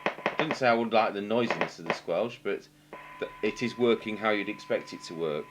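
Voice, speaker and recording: Off camera at an indoor workbench, a middle-aged radio engineer from England demonstrates a repair in a fairly low voice. Unscripted and halting, he thinks aloud as he works, with noticeable noise and hum in the background.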